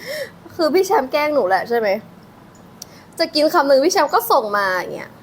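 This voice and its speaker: Giggly young woman, lively high voice. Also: brisk, slight background noise. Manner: giggly, playful, teasing, thanks viewers for gifts; mixes English phrases into Thai talk. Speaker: live-stream host eating on camera. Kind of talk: casual live-stream chat with viewers.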